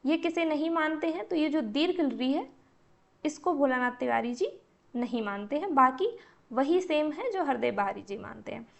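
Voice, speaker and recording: Female lecturer, high-pitched, patient step-by-step exam-prep teaching, rhetorical questions. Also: expressive, normal speed, vocal fry. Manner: explains step by step, asks and answers own questions.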